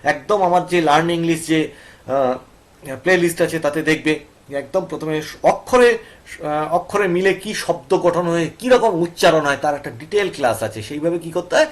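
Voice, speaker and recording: A man teaching an English reading passage, explaining it in Bengali. He reads the English slowly word by word, breaks words into syllables, and keeps asking his students if they follow. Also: fairly high pitch. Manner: asks students checking questions.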